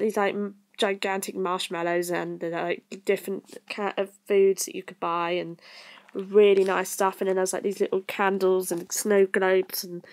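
A young woman narrating her own travel vlog in a casual voice-over, rambling with lots of fillers and self-corrections. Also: mid-range voice. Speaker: vlogger.

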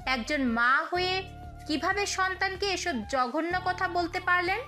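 Brief: woman as a high, bright-voiced matron, measured and reproachful. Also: soft background music, heavily acted. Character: indignant respectable middle-aged mother-in-law.

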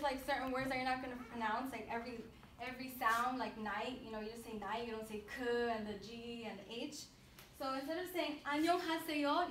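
A woman's voice: sits high, a bit bright, slight background noise. A young woman student giving a casual, filler-heavy speech to her class. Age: young adult. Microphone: far camera. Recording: echoey classroom, distant from camera.

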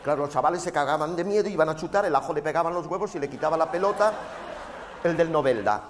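A man performing a brash, foul-mouthed stand-up monologue on a theater stage, mimicking voices and breaking into shouts. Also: on the high side, animated, fast. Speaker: stand-up comedian. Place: theater stage before a live audience. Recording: live stage recording with crowd and noise. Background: audience laughter.

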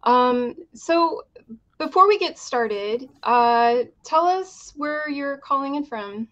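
A woman's voice: sits high, animated, takes it slowly, a bit bright, muffled recording. A woman from Texas hosting a casual interview over a video call in an upbeat, friendly way. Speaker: host. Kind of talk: casual chat.

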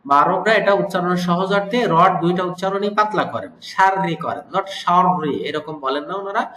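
A Quran teacher with a high, light, sharp-toned voice gives a recitation lesson with explanations, guiding students patiently step by step. He slows down and repeats sounds to demonstrate correct pronunciation. The recording has a roomy echo.

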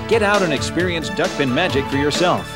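A fairly high-voiced man reads an advertisement cheerfully and with a lively pitch. Loud music runs underneath. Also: fairly quick. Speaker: announcer. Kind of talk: advertising voice-over.

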